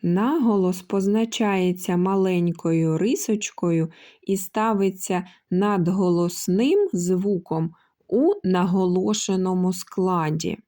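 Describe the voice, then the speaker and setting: A kindergarten teacher with a fairly low, mellow voice gives a slow, carefully articulated lesson to young children. She draws out her syllables and calls out words to show stress in this recording of a kindergarten lesson.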